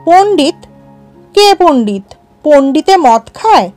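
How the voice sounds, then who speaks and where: A woman reading a story aloud voices a drunk, sneering village gentleman with slurred speech. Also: sits high, sing-song, slow, soft background music, voice pushed up, heavily acted. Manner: mocking, taunting.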